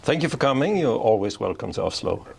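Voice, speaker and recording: Speaking fast and very animated, this middle-aged man from Denmark has a mid-range voice with vocal fry and a breathy edge. As an interview guest at his office in Oslo, the payments strategy executive explains his field, often starting phrases over.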